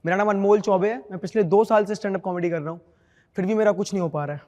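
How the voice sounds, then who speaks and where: A man's voice: sits high, fairly even intonation, rapid-fire, a little mellow, big-room sound, lo-fi sound. A man doing a self-deprecating stand-up set on a comedy show stage.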